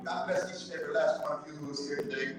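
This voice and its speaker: A man's voice: fairly high pitch, level tone, rapid-fire, music in the background. A man from the southern United States preaching a sermon in a church, telling stories and leading call and response. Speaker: pastor. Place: church sanctuary. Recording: echoey church hall from far off.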